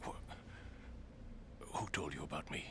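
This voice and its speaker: An American actor playing a guarded, brisk male secret agent in a video game, in hushed tones. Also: in a whisper, lightly acted. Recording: game audio with clear background noise.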